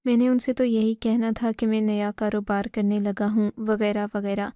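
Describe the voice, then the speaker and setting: A woman storyteller reading a first-person moral story in a steady, even way. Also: mid-range voice, clean tone, no room sound, clean studio sound. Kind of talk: scripted first-person narration.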